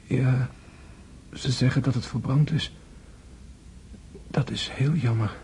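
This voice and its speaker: An actor playing a gentle dying nobleman in a radio drama, weary and tender, with weak, halting delivery. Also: medium pitch, steady tone, a little hiss or hum. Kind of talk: literary radio drama acting.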